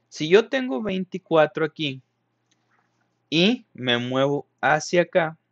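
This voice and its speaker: A man's voice: mid-range voice, dry recording, lo-fi sound. A male teacher, patiently explaining a math lesson to young pupils, often checking if they follow. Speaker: primary school teacher. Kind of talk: recorded math lesson for children.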